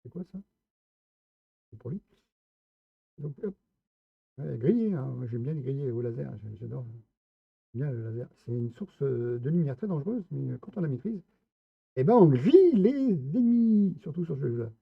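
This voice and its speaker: A man's voice: mid-range voice, lively intonation, normal speed, creaky, pauses often, slightly rough, no room sound. A man giving casual gameplay commentary, chatty and playful, talking straight to his viewers. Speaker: streamer. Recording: tinny phone-like, dry sound.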